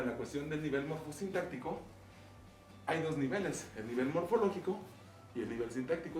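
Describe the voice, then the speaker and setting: A man teaches a university class at a mid-range pitch, pausing often to check that his students are following. He sounds set back from the microphone, and the room rings around him. A faint background noise runs under his voice. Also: darkish tone. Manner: checks understanding with frequent rhetorical questions. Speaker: university lecturer. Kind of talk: classroom lecture. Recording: roomy, distant mic, faint background noise.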